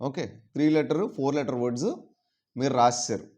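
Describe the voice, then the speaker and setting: A man teaching English in a casual video lesson, explaining patiently and repeating words slowly. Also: mid-range voice, fairly even intonation, darkish tone. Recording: dull lo-fi sound.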